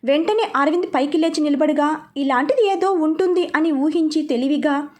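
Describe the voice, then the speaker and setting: A woman reading aloud a serialized novel as storyteller, steady and expressive. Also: high voice, normal speed. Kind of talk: scripted narration of a serialized novel.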